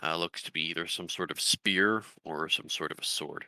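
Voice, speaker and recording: A man with a very low voice narrates a tabletop adventure as game master. His tone is bright and forceful, and he describes the scene steadily, with small fillers. The sound is dry and close. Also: moderate pace, no echo, rough recording.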